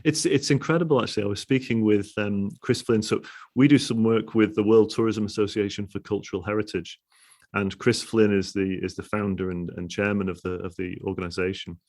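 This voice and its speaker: Halting, low-voiced male podcast host. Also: steady tone, a little mellow. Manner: halting, many restarts and "you know". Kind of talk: casual interview conversation.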